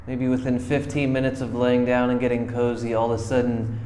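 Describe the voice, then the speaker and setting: A man's voice: mid-range voice, completely flat delivery, brisk, dark tone, a little hiss or hum. A man narrating a casual travel vlog, chatty and informal, talking straight to his viewers. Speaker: travel vlogger.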